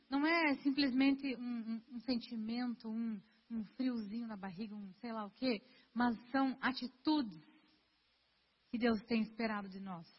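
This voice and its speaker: A young woman whose voice is highish and husky gives a heartfelt, conversational sermon, addressing the congregation directly. As a preacher in a church hall, she is heard through dull, lo-fi audio with lingering hall reverb.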